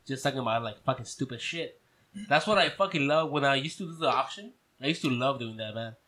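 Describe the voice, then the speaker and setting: A man's voice: medium pitch, fast talker, bright, forceful tone. A young man with a Mexican accent, chatting loosely and profanely with friends on a podcast, laughing often. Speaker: podcast co-host. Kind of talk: casual chat among friends.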